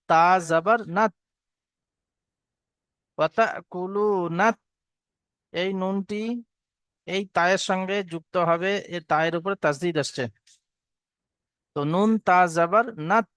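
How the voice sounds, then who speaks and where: A man teaching Quran recitation in a lesson. His voice is high and resonant, and the recording is dry. He breaks every word into its letters and vowel marks before he chants it slowly. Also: a bit bright, clean tone, dry recording. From Bengal. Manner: spells each letter and vowel, then chants the verse slowly. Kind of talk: spelling out and reciting verses for students.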